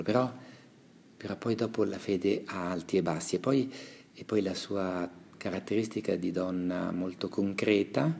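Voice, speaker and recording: A man speaking as a priest, giving a measured, reflective homily with a Gospel reading and pausing often to restart his phrases. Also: low-pitched, vocal fry, a little mellow, a little hiss or hum.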